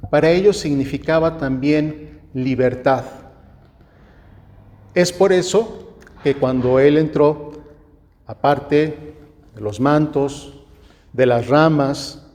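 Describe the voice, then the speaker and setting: Mexican guy preaching a sermon, slow and careful, kinda high voice, long church echo. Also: darkish tone. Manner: deliberate, with rhetorical questions and frequent restarts.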